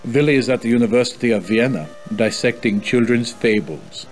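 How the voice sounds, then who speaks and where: A man voicing a haughty German colonel in a video game, with a German accent and a measured, stiffly polite, condescending manner. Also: mid-range voice, soft background music, natural voice. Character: formal, haughty, probing German colonel and imperial official. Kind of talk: video game character acting.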